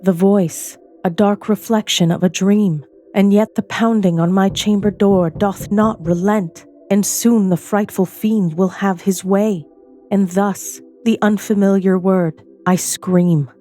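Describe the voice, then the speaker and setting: A woman narrating a story in verse, in a measured, poetic first-person telling. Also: medium pitch, fairly even intonation, dark tone, soft background music.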